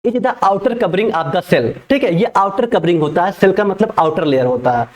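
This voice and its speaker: Man, young adult, high voice, teacher, repeats each point twice, slow read-aloud. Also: lively intonation. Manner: repeats each point in Hindi and English, reads English lines slowly. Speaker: pharmacy teacher. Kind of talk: exam-prep lecture.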